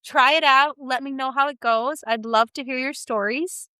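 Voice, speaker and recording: A woman's voice: sits high, normal speed, clean tone, no room sound. A woman feeding therapist giving encouraging, practical advice to parents in a solo talk. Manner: warm, encouraging, animated teaching.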